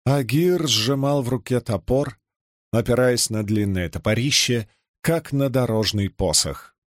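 A man narrating an audiobook in a measured, even reading. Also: mid-range voice, no room sound, clean studio sound. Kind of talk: scripted narration.

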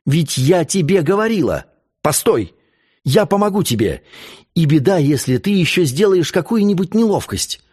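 A man's voice: a little high, unhurried, hardly any pauses, a little mellow, natural voice. A man voicing a passionate, commanding young noblewoman in an audiobook, crying out in a raised voice. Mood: furious.

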